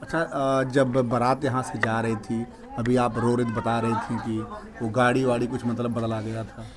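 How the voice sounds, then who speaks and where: A man working as a reporter, gently asking a grieving family questions in a field interview. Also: mid-range voice, little pitch movement, moderate pace, over music.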